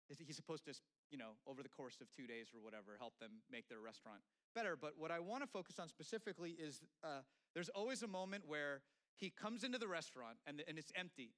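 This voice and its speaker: A middle-aged pastor gives a relaxed, chatty sermon in a church, full of "um"s and restarts. His voice is smooth and resonant at an ordinary pitch. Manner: conversational, many fillers and restarts.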